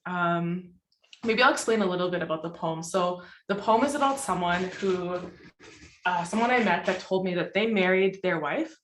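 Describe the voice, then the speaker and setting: A young woman from Southern Ontario, Canada, is a poet at a festival, joining remotely from home by video call to introduce herself and her poems before reading them. She's chatty, laughs often, and fills her talk with ums and likes. Her voice is on the low side and a bit bright at a moderate pace, with a reverberant room and a little hiss or hum.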